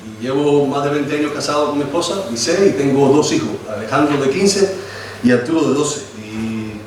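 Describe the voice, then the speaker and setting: A slightly mellow, medium-pitched voice at normal speed belongs to a Cuban lay preacher in his forties, giving a sermon and prayer hesitantly and informally with many restarts. His accent is Cuban Spanish, and the echoey church hall recording from a distant mic has slight background noise.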